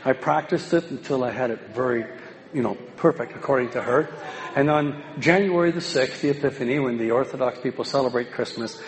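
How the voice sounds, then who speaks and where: A Canadian man telling anecdotes at a home education meeting in a folksy, self-deprecating way, with many pauses and ums. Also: medium pitch. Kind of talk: informal public talk with anecdotes. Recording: roomy hall with faint background noise.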